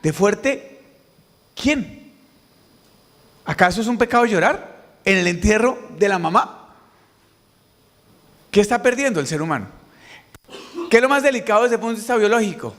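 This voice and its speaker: A middle-aged Colombian man giving a conference talk, lively and quizzing the audience directly. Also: high voice, moderate pace, long pauses. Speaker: motivational speaker. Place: large conference hall. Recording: reverberant hall, mic on stage.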